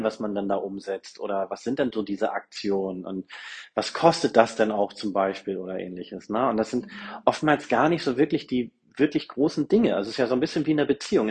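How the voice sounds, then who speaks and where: A husky man, talking loosely in an interview. He wanders through his points, restarting sentences and filling gaps with hesitations, at a mid pitch. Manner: rambling, many fillers and restarts. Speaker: company representative, guest. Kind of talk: conversational interview talk.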